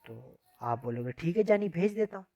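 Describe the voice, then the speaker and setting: A man's voice: fairly high pitch, lively intonation, normal speed, gravelly, mellow, dry recording, highs cut off. A man giving a casual, chatty programming lesson in an informal, friendly way. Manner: chatty, informal, says "yaar" often. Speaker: programming teacher. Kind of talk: casual classroom lecture.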